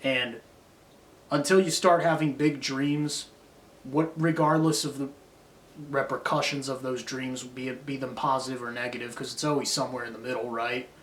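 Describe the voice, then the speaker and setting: A man's voice: mid-range voice, fairly even intonation, moderate pace, a bit bright, a little hiss or hum. Man ranting in a roomy echo. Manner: profane, drifting, philosophical ranting. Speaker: vlogger. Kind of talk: rambling self-critical monologue.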